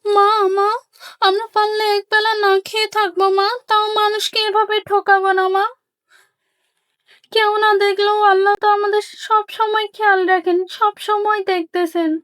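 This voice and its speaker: A woman's voice: very high voice, little pitch movement, normal speed, fairly bright tone, pitched above the performer's own voice. A woman voicing Moyna, an earnest little daughter begging her mother in a doll story, repeating "mother" as she pleads.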